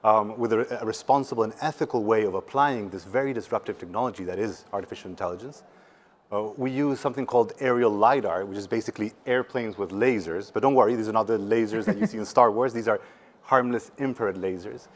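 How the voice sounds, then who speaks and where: Seated on an indoor conference stage, a man around forty from Patagonia, Chile, represents a startup on a panel. His fairly low voice moves quickly as he speaks earnestly and emphatically in a conversational way.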